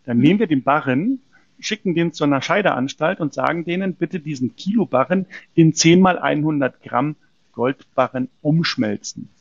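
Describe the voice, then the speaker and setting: A man's voice: a little high, animated, moderate pace, no echo, lo-fi sound. A man from a precious metals company answering interview questions in an explanatory way, often hesitating with fillers and restarts.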